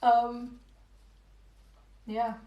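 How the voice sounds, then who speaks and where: Livestreaming from a room at home, a young woman rambles casually to viewers, repeating lines and giggling softly. Her fairly high, slightly hoarse voice sounds like it's going, monotone with drawn-out words, and the lo-fi audio carries a noticeable echo from the room.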